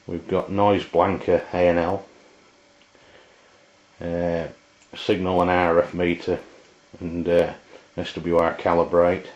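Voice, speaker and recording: Completely flat in delivery, a deep-voiced English man demonstrates a product informally and without a script, hesitating and breaking off mid-sentence. The camera audio is roomy, dull and lo-fi.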